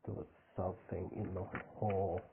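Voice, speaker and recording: A man's voice: low-pitched, level tone, moderate pace, noisy background. A man reading a fan story aloud, stumbling over words and breaking off for joking asides. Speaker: reader of fan fiction. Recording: tinny phone-like audio.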